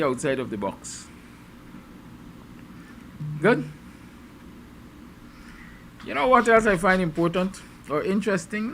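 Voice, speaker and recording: A man's voice: a little high, vocal fry, fairly bright tone, slight background noise. A Guyanese man hosting a morning show, musing aloud with rhetorical, sarcastic questions to his viewers. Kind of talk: opinion monologue to viewers.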